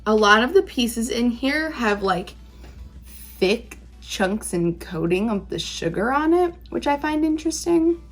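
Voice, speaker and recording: A woman's voice: a little high, expressive, measured pace, faint music behind. Casual woman chatting through a taste test. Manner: informal, emphatic, rambling. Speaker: candy reviewer, video host.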